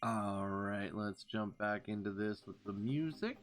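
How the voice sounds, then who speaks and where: A man's voice: fairly low pitch, a little slow, faint music behind. A man streaming live, chatting casually and reading out thanks to followers.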